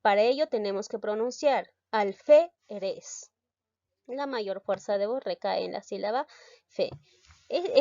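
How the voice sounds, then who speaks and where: A woman's voice: medium pitch, warm tone, dry recording. A woman teacher explaining grammar rules step by step, posing rhetorical questions as she goes. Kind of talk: recorded grammar lesson. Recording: dry, slightly dull recording.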